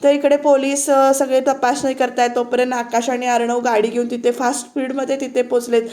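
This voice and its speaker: A woman's voice: high-pitched, little pitch movement, a little fast, a little mellow. A woman narrating a voice-over recap of a TV serial episode, chatting directly to her viewers. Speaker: TV serial reviewer.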